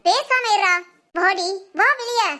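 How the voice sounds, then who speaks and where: A woman playing a pushy female household elder who gives blunt orders, in a lower voice than her other role. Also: slow, sharp tone, full character voice. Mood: bossy. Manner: blunt, commanding.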